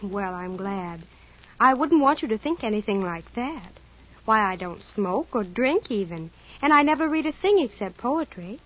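This is 1940s radio acting on a muffled old recording: a woman plays a rich, sheltered, naive teenage girl, prim and earnest yet matter-of-fact. She speaks at normal speed with a medium, expressive voice and a light touch of performance.

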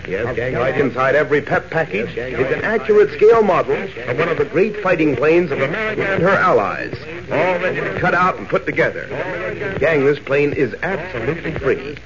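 A man as a commercial announcer giving an eager, chummy 1940s radio sales pitch to children. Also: lively intonation, brisk, a crowd in the background. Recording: muffled old radio broadcast recording.

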